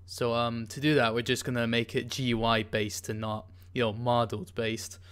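A man hosts a screen-recorded coding tutorial, his voice smooth and clean. He talks casually and hesitantly, with many ums and restarts while he types, and a keyboard clacks faintly behind him. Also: mid-range voice, level tone, normal speed, fairly bright tone. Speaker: tutorial host.

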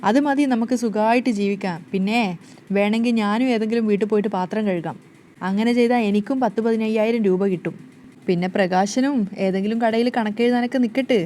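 Woman storyteller reading a scheming elderly grandmother, teasing, rapid delivery. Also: fairly high pitch, mellow, a little hiss or hum, close to an everyday voice. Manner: teasing, wheedling. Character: scheming old grandmother, coaxing and sly.

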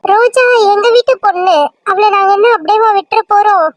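A woman voicing a patient, soothing mother-in-law in a cartoon serial, reasoning calmly with a Kanyakumari Tamil accent. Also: very high-pitched, fairly quick, dry recording. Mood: explaining. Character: mother-in-law, calm, soothing visiting relative.

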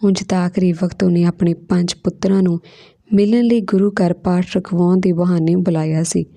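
A woman voicing a gentle elderly village woman. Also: lowish voice, fairly even intonation, normal speed, no room sound, natural voice. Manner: tender, soothing, calls the listener son.

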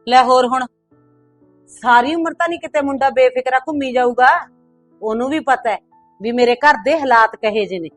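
A calm, practical middle-aged mother, played by an actress, with a somewhat high voice who speaks in an easy, motherly way. Faint music sits behind her. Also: a little fast, long pauses, close to an everyday voice. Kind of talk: short film dialogue.

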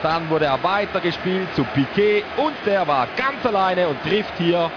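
A man's voice: high-pitched, lively intonation, measured pace. A man commentating on a televised football match, analysing play in short phrases. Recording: muffled broadcast audio over loud stadium noise. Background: stadium crowd noise.

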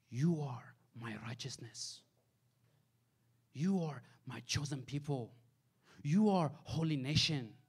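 An energetic pastor delivers a sermon into a handheld mic in a small church sanctuary, swinging widely between loud emphasis and soft asides. He has a fairly high, slightly rough male voice, and Farsi is his first language.

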